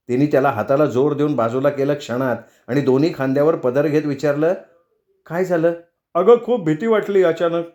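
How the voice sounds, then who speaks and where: A man reading a novel aloud as audiobook narrator, in a measured, even way. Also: mid-range voice. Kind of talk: scripted storybook narration.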